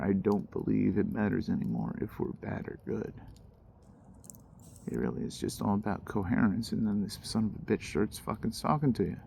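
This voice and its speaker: A man with a low voice and a gravelly fry talks casually to his viewers by a campfire outdoors. His delivery is slangy and musing, wandering as he goes. Faint ambient noise sits behind him. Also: a little mellow. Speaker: host. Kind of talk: casual fireside monologue to viewers.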